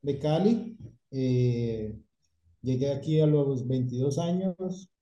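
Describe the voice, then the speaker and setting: A middle-aged Colombian man who owns a painting company tells his story in a relaxed, casual chat, mixing English words into his Spanish. His voice is medium-pitched and slow, and the audio is dull and lo-fi in an echoey room.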